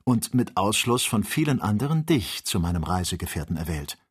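A man voicing a composed, scholarly doctor who speaks calmly and without hurry. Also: sits low, husky, heavily acted. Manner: calm, composed and unhurried. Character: calm scholarly doctor, middle-aged man, unflappable.

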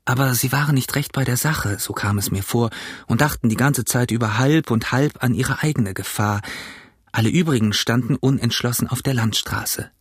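Man, audiobook narrator, husky voice, measured steady reading, mid pitch. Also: dry recording, studio quality.

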